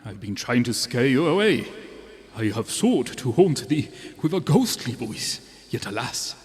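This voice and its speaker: A man's voice: mid-range voice, sing-song, measured pace. A man voicing the melancholy, anguished ghost of a writer in a tabletop game, with an unearthly, haunting voice and theatrical archaic diction. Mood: resigned, melancholy. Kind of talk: tabletop role-play. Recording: long reverb, music underneath.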